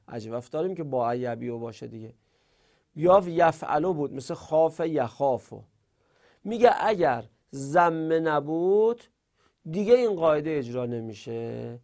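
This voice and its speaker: A middle-aged male teacher with a gravelly, slightly high voice. He walks through a grammar lesson and reads out long lists of verb forms in a steady, sing-song recitation. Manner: recites verb conjugations in patient chanted lists. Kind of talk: spoken lesson.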